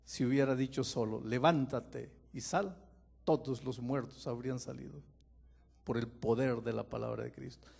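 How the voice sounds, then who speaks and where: A man, a pastor, preaching a dramatic sermon, moving from quiet storytelling to loud impassioned pleading and putting questions straight to his listeners. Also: medium pitch, level tone, moderate pace, creaky, breathy edge. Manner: speaks to listeners directly with questions.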